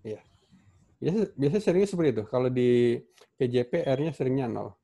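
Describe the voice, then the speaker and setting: Male welding instructor with an Indonesian accent, mellow tone, loose and halting delivery, computer mic on a call. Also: medium pitch, animated, creaky. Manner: casual, halting, many fillers and restarts. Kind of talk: online class lecture. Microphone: computer mic on a video call.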